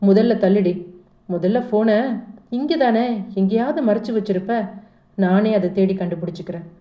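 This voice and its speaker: A woman voicing an angry, suspicious middle-aged mother who shouts and accuses her daughter in a told story. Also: medium pitch, normal speed, close to an everyday voice. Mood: angry scolding. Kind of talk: storytelling dialogue. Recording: echoey room.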